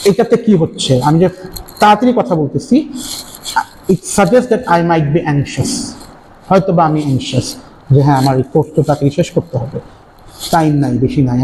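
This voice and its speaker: A man's voice: fairly high pitch, brisk, dark tone. A male university lecturer giving a classroom lecture, switching between Bengali and English and checking in with frequent tag questions. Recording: echoey hall, faint ambient noise.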